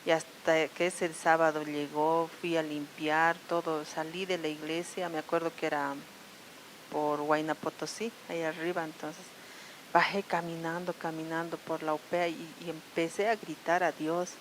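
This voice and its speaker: A woman with a Bolivian accent from La Paz gives a personal testimony at a prayer service. She speaks in an earnest, halting way, often restarting and tagging her sentences with questions. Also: deep voice, little pitch movement, a little hiss or hum, rough recording. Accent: Bolivian Spanish, La Paz. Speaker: church member giving testimony.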